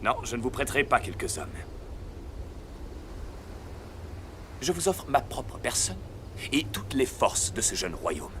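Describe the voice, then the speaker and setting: A man's voice: mid-range voice, sing-song, normal speed, noisy background, natural voice. A man playing a proud, good-humoured island king and warrior leader in a dubbed film. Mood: firm, proud. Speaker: film voice actor. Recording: film soundtrack with music behind.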